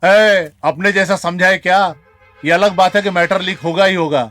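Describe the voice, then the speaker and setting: A brash gang member. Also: male voice, sits high, fairly even intonation, normal speed, fairly bright tone, no room sound, soft background music. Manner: dismissive, reassuring. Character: brash male gang member calming friends. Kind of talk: Hindi film dubbing.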